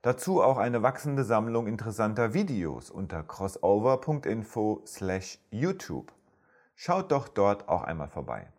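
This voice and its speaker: Low-voiced man giving a podcast Bible talk. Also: very animated, darkish tone. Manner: measured, reads scripture aloud slowly. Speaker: theologian podcast speaker. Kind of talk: calm podcast teaching with Bible reading.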